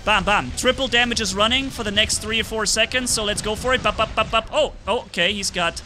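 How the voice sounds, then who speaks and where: A man giving live gameplay commentary on his own stream, excited play-by-play with sound effects. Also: sits high, brisk, slight background noise. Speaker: gaming streamer.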